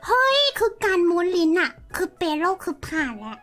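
Very high, bright mock-teacher woman. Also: big pitch swings, normal speed, soft background music. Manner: mock-teacherly, exaggerated and theatrical. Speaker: streamer acting as English teacher. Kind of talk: playful live-stream chat.

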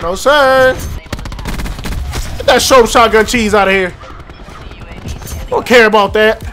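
A young man giving excitable, trash-talking commentary over his own gameplay, often laughing. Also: sits high, takes it slowly, soft background music. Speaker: gaming YouTuber. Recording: faint game gunfire behind. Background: gunfire.

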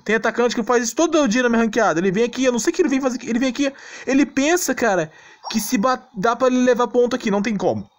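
Very high-voiced and very fast, a Brazilian man hosts a gaming channel and narrates a casual gameplay tutorial. He's blunt and exasperated, tagging phrase after phrase with check-in questions. There's background noise along with clicking sounds.

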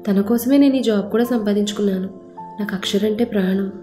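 A woman's voice: mid-range voice, brisk, warm tone, roomy sound, soft background music, lightly acted. A woman storyteller voicing an eager, earnest young man pleading to marry.

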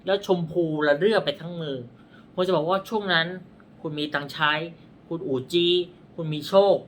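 With a dry throat and a slightly bright, higher-than-average voice at normal speed, a male palm reader explains his craft casually and bluntly, rambling, fixing his own words, and pointing at his own palm. A faint hiss or hum is audible.

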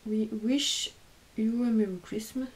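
Opening mail on her craft channel, a woman with a fairly high, slightly mellow voice talks slowly and casually about the cards and stamps she's received. She gushes over them, stumbling now and then on English phrases.

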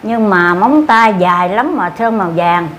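A woman's voice: mid-range voice, animated, normal speed, a bit bright, slight background noise. An older woman with a Southern Vietnamese accent, recounting an event in a rambling, repetitive way with many fillers. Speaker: interviewee. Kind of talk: casual storytelling.

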